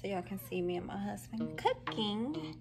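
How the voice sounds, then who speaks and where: Chatty young mom vlogging. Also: female voice, mid-range voice, expressive, moderate pace, over loud music. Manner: chatty, unsure asides, addresses viewers as y'all. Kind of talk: casual vlog chat. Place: houses on tour and her home, indoors. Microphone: phone camera held at arm's length.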